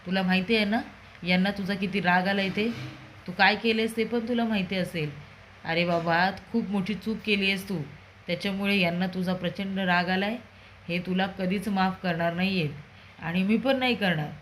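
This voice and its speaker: Lady voicing a sharp-tongued housewife scolding, a bit louder than her narrating voice. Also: mid-range voice, fairly even intonation, moderate pace, slight background noise, lightly acted, poor audio. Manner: mocking, scolding.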